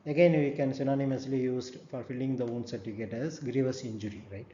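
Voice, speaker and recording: A man giving a recorded lecture, explaining step by step, often checking with "right?" and pausing on fillers. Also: mid-range voice, fairly even intonation, warm tone. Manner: many "uh" fillers. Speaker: forensic medicine lecturer. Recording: dull echoey room recording, faint hum.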